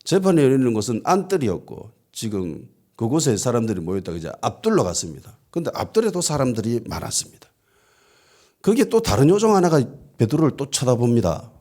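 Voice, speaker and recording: A man's voice: medium pitch, wildly swooping pitch, brisk, warm tone. A man with a Gyeongsang accent preaching a sermon, telling the story with quoted voices and frequent affirming asides. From Gyeongsang region, South Korea. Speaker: pastor. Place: church.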